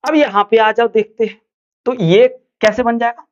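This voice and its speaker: A man's voice: extremely high pitch, fairly even intonation, normal speed, highs cut off. A male physics teacher giving a classroom lecture, asking students questions and answering them himself. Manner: calls students "bhaiya" and "dear children".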